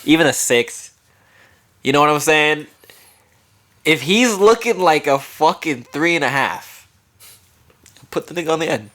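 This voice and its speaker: Bright, higher-voiced joking male host. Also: lively intonation, measured pace, long pauses. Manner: joking, teasing, laughs often. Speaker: podcast host. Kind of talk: casual chat.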